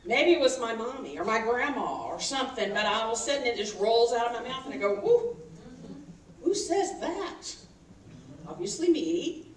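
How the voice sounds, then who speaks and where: A woman in her fifties, a minister giving a sermon, animated and calling for responses from the congregation. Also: fairly high pitch, brisk. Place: church sanctuary. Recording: echoey hall, mic from far off, faint noise.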